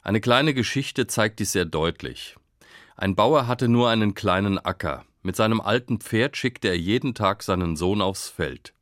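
Calm low-voiced man giving a devotional. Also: dry recording, clean studio sound. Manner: calm, measured storytelling. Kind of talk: short radio-style devotional reflection.

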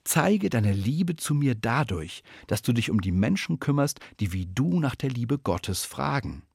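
Guy doing a calm patient teacher, slow gentle lines, a bit husky. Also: medium pitch, dry recording, studio quality, voice pushed up, full character voice. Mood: earnest.

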